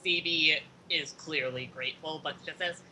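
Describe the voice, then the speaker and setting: A woman's voice: deep voice, measured pace, fairly bright tone, slight background noise, low-quality recording. A woman narrating a tabletop game as game master, casual and laughing, with some swearing. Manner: casual, laughing, a bit profane.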